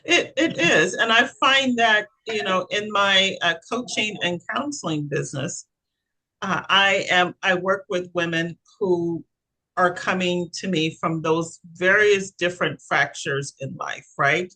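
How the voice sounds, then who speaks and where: A woman's voice: lowish voice, unhurried, poor audio. A woman co-hosting a podcast and working as a coach, chatting expressively and laughing as she talks. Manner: expressive, laughs while talking. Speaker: podcast co-host, life coach. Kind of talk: casual chat.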